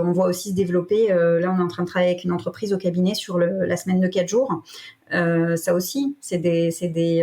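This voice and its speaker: A woman speaks as a podcast guest, her voice low and gravelly with vocal fry. She talks casually and hesitantly, leaning on fillers as she works through her points. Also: darkish tone. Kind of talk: casual interview conversation.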